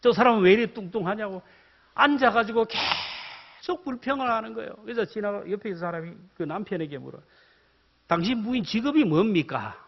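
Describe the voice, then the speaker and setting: A male pastor preaching a sermon in an animated storytelling manner, acting out the people in his stories. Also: sits high, brisk, gravelly. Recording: dull lo-fi sound.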